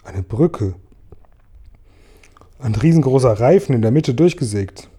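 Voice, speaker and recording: A man's voice: medium pitch, expressive, unhurried, warm tone, husky. A man voicing a curious, brave young boy in a storybook reading, speaking earnestly.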